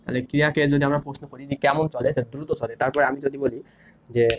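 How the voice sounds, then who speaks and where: A man's voice: mid-range voice, flat delivery, quick pace. A young man teaching an online grammar lesson, repeating key terms and asking and answering his own questions. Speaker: grammar instructor.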